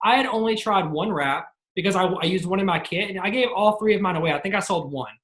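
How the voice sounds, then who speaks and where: A woman's voice: mid-range voice, fast, roomy sound. A woman leading a team training, talking to the audience in an upbeat, chatty way. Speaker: team leader running a training. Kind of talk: motivational sales training talk.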